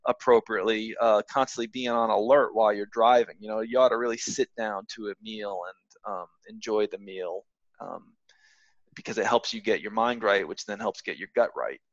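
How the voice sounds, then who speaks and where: A man's voice: fairly low pitch, fairly even intonation, normal speed, no echo. A man co-hosting a podcast in casual chat, rambling with fillers and restarts, on a muffled microphone. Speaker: podcast co-host, acupuncturist. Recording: muffled, dull dry mic.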